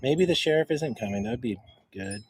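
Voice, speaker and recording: A man walking around outdoors on his property, casually showing things off to a handheld camera in a halting, rambling way that keeps repeating words. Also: medium pitch, expressive. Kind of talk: casual rambling show-and-tell. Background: faint wind noise.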